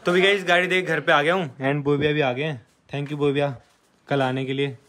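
A man's voice: a little high, fairly even intonation, noisy background. A young man chatting casually to his viewers in a vlog. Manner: quick, chatty, addresses viewers. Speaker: vlogger.

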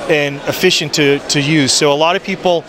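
A man in his forties giving an upbeat sales pitch for his product on a handheld mic, with frequent ums, in a busy expo hall. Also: steady tone, fairly quick. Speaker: photo booth maker. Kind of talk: trade show product pitch. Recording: noisy trade show floor.

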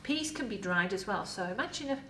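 A middle-aged woman with an English accent, a museum educator in costume, giving a lively, chatty talk to camera about food with props in an indoor set. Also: mid-range voice, a little fast, a little hiss or hum. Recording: roomy echo, voice from a distance.

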